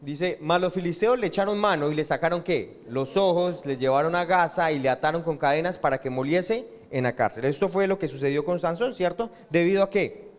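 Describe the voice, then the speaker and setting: A brisk man with a fairly high voice and a Colombian Spanish accent delivers a sermon as pastor. He keeps quizzing the congregation for their responses, and the church hall gives the sound a long reverb.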